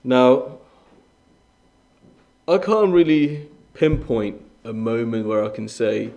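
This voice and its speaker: Speaking slowly with lively intonation, a young man from Iran shares his testimony in a sermon as a guest preacher. His mid-range voice is creaky and a little mellow, the audio is dull, and he talks earnestly and conversationally, with restarts and fillers.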